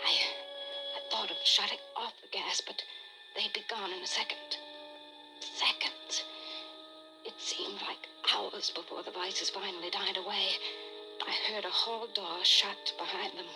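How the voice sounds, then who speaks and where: In a low-quality vintage radio recording with dramatic music behind her, an actress with a natural, medium-pitched voice plays a wealthy wife who is desperate and haughty. Performing 1940s suspense with dramatic intensity, she narrates her own crime in the first person.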